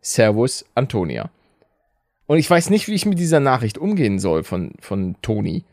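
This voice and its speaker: A man's voice: medium pitch, big pitch swings, a little fast, a little mellow, no room sound, studio quality. A man from the Rhineland co-hosting a podcast, joking and teasing in casual banter. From Rhineland, Germany. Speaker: podcast co-host.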